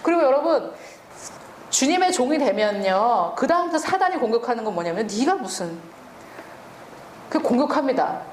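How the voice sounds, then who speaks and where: A woman's voice: sits high, big pitch swings, brisk, roomy sound, a little hiss or hum. A woman preaching a sermon and teaching from the Bible, asking the listeners questions and answering them herself.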